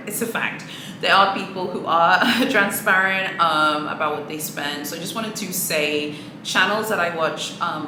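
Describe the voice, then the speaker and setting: This luxury handbag vlogger addresses the camera in a low-ish voice, casual yet earnest, much like a motivational pep talk for viewers. Now and then she starts a phrase over or gives a soft laugh, while the echoey room carries a constant hum of background noise.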